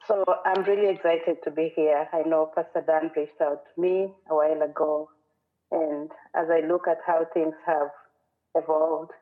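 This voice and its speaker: A woman from western Kenya with a Kenyan accent, giving an earnest, reflective sermon as a guest speaker at a church. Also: deep voice. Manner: earnest, reflective, quotes scripture and song lyrics. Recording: phone-like narrow sound.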